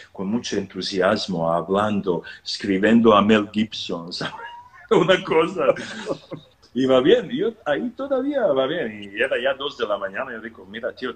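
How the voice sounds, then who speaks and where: Lively low-voiced man telling a story. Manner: animated, quotes people in lively voices, laughs often. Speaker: interview guest, pilgrimage organizer. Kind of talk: casual storytelling over video call. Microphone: phone or laptop on a video call.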